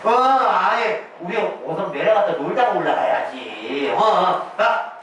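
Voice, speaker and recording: A man's voice: high-pitched, big pitch swings, slow. A man leading a clapping game for older women, chanting rhythmic calls and teasing them playfully. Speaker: senior recreation instructor. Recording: very echoey room, far from the mic, noisy.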